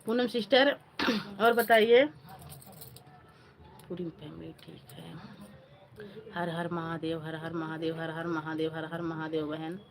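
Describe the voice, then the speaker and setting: A woman's voice: low-pitched, steady tone, slow pace, gravelly, pauses often. A woman hosting a casual live stream on her phone, chatting with viewers, greeting them by name and asking for likes. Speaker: livestream host.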